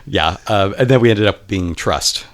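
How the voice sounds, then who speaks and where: A man, a musician guest in a casual interview, talking in a relaxed, rambling way with self-deprecating humor. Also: on the low side, normal speed. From California, United States.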